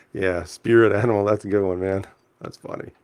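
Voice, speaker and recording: Male streamer host, deep-ish relaxed voice, dry close mic, rambling casual chat. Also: normal speed, smooth, no echo. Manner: laid-back, chuckling, lots of fillers and restarts. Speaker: livestream host reading chat. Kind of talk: casual live-chat talk.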